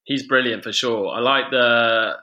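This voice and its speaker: A man's voice: medium pitch, measured pace, pushed and bright, muffled recording. A man hosting an interview, introducing music and asking his guest questions with enthusiasm. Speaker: host. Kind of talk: radio-style interview hosting.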